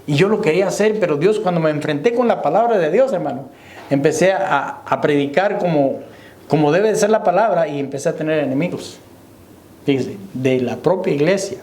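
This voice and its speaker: Briskly and with a fairly high, slightly mellow voice, a man gives a sermon as pastor. He keeps saying "hermano" to the brethren and asking "¿me entiende?" The church hall around him echoes.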